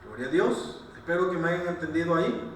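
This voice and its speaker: A man's voice: on the high side, lively intonation, fairly quick, slight background noise. A male pastor preaching a sermon, asking the same rhetorical questions again and again and breaking off into apologetic asides. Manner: repeats rhetorical questions, asks "¿sí?" often; apologetic, self-correcting asides. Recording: very echoey room, distant mic.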